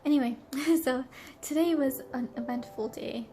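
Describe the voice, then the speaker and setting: Allergies leave this young woman's voice congested and nasal as she chats casually in her travel vlog from a hotel room. Her pitch sits high, her pace is normal, and her tone is mellow. She rambles, giggles, and fills the gaps with lots of fillers over slight background noise.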